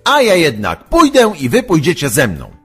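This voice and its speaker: A man voicing a reckless, hot-headed boy who talks loudly and brashly. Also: mid-range voice, huge pitch swings, slow, husky, soft background music, exaggerated voice. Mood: defiant. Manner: brash and shouting.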